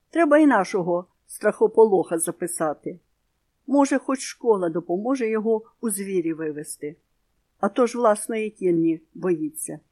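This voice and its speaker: A woman's voice: mid-range voice, warm tone, lightly acted. Strict father hare, firm and decisive, read by a woman.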